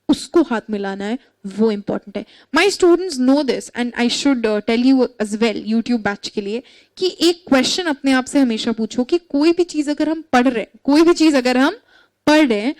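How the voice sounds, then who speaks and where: A woman teacher giving an online class lecture, talking straight to her students, mixing Hindi with English, asking them questions and calling them beta. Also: high voice.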